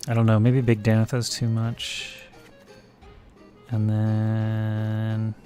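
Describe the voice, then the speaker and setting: Live streaming a digital card game, a man offers casual commentary, muttering card names and plays as he thinks aloud. His voice sits on the low side, mellow, monotone and slow, with faint music in the background.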